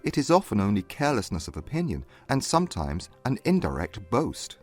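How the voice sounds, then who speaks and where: An actor playing a proud, reserved young gentleman in a dramatised period novel, speaking in formal, precise arguments. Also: lowish voice, wildly swooping pitch, a little fast, faint music behind. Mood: critical. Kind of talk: dramatised classic novel audiobook.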